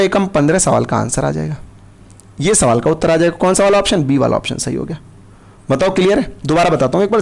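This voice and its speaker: Lively high-voiced man teaching maths. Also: creaky. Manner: patient, repeats steps and checks if students follow; addresses students as kids, coaxing. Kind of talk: live online maths class.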